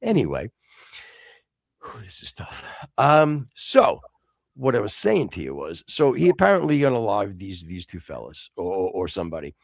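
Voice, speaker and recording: A man from the United States co-hosting a casual podcast, rambling with many restarts and sudden excited outbursts. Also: fairly low pitch, moderate pace, vocal fry, no room sound. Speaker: podcast co-host.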